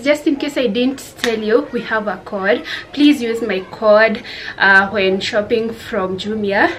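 This young adult vlogger, speaking with a Kenyan accent and a medium-pitched voice, chats casually to her viewers from a small home room. She weaves Swahili words into her English, with slight background noise behind her.

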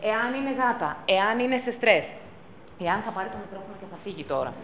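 A woman's voice: mid-range voice, animated, narrow, tinny audio, a little hiss or hum. A woman teaching pet first aid at a public talk, stressing and repeating her key points. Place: council chamber.

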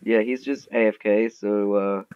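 A gamer recording a Minecraft video chats casually, swearing, trash-talking, and teasing his opponent. His fairly low voice is steady, unhurried, darkish, and smooth, with no echo, though the mic sounds dull and muffled with faint noise.

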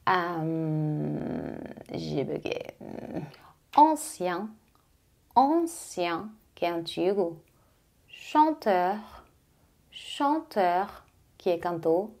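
Slow, mellow-voiced woman teaching French. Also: lowish voice, very animated. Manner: slow careful pronunciation drills, repeating words; casual encouraging, addresses viewer directly. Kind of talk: online language lesson.

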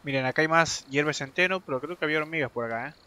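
Speaking very fast, this young game streamer from Argentina has a fairly high voice that is pushed and bright, with a clear, resonant tone. He chats directly to viewers as he plays live, cursing and yelping when fights go badly.

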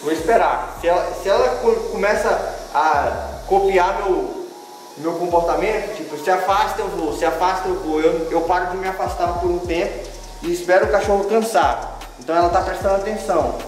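A man's voice: high voice, normal speed, slight background noise. A Brazilian man in his thirties giving an informal dog-training demonstration, explaining and repeating key phrases for emphasis. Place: large bare tiled room indoors. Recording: very echoey room, distant mic, background music.

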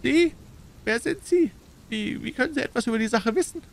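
A frightened little man whimpers and stammers in a very high, shaky voice. He sounds anxious and pleading throughout. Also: expressive, normal speed, vocal fry, a bit bright, a little hiss or hum, full character voice. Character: nervous, frightened small young man.

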